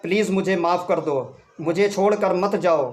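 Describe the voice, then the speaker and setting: A man's voice: sits high, normal speed, close to an everyday voice. A man voicing a loving middle-aged husband who speaks tenderly to his wife. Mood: pleading. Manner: tender, pleading.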